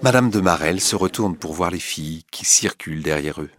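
A man narrating a story in an expressive, dramatic reading style. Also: deep voice, brisk.

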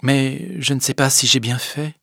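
A man putting on a weary, conflicted married woman from a classic novel, her voice lifted higher and hesitant, at times dropping to a breathy near-whisper. The audiobook sound is dry and close. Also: measured pace, a bit bright, dry recording, full character voice. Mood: wistful. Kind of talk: audiobook reading.

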